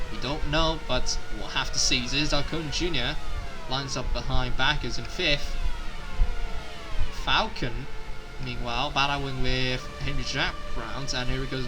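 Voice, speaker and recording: Higher-pitched male motorsport commentator over engine noise. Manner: halting, repeats and corrects himself mid-sentence. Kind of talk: live race commentary of a sim racing game. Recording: noisy, with vehicle sounds behind.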